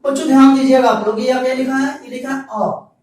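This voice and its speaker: A man's voice: very high-pitched, steady tone, brisk, a little mellow. Male teacher, patient repetitive lecturing, distant mic, heavy room echo. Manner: repeats points, addresses students directly. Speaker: English teacher. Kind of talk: Hindi-language grammar lecture. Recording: very echoey room, far from the mic.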